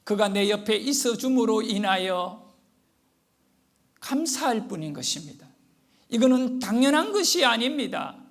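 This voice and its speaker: High, lively, gravelly-voiced male pastor. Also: a little slow, pauses often. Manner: rhetorical questions answered by himself; tells personal anecdotes. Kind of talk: sermon. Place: church.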